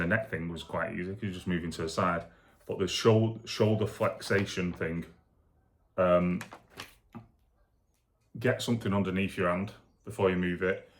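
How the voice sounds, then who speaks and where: A man with a deep voice talks through his day in a casual video diary. He sounds weak and foggy after surgery, with little rise and fall in his delivery. His account rambles along, candid and plain. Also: a little hiss or hum. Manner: rambling, candid, matter-of-fact. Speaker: vlogger recovering from shoulder surgery.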